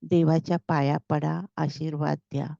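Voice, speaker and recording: A woman narrator voicing a gentle, devout old grandmother at prayer, in a dull lo-fi recording. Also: low voice, flat delivery, moderate pace, gravelly, no room sound. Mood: prayerful.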